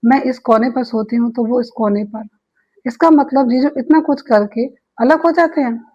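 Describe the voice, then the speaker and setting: Woman reading bold young friend, teasing, coaxing, highish voice, storybook. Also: steady tone, normal speed, darkish tone, slightly rough, highs cut off.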